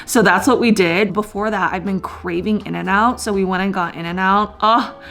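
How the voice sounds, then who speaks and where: A woman of thirty chatting casually to camera as a lifestyle vlogger, bubbly and excited, dropping lots of "like". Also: medium pitch, normal speed, vocal fry, soft background music. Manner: bubbly and chatty, often says "like". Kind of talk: casual vlog chat to camera.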